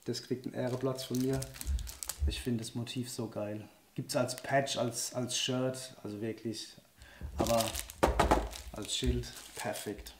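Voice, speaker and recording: With his voice slightly hoarse from a cold, a man who vlogs on outdoor and shooting sports chats enthusiastically through a casual unboxing, laughing often. He speaks at medium pitch with a level tone and measured pace. He's seated at a wooden table facing the camera in an echoey indoor room with faint noise.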